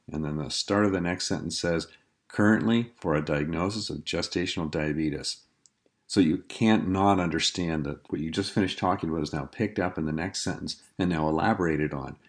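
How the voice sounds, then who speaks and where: A man with a very low, deep voice gives a writing lesson. He explains each technique patiently and reads example sentences aloud in a measured, instructive way. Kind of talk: scripted lecture on writing.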